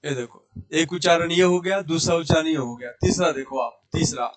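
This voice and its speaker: A man with a Rajasthani Hindi accent teaching an online Hindi lesson, drilling syllables slowly and with emphasis. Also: a little high.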